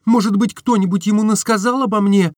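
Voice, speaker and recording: A man reading aloud and voicing a distraught, tearful young woman who pleads in breathless, rapid questions. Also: sits high, no echo, clean studio sound, voice pushed up, lightly acted. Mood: pleading.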